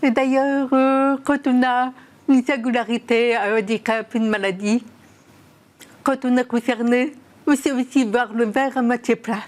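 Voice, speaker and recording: Woman host with a high voice, doing scripted intros and interview questions. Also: steady tone, unhurried.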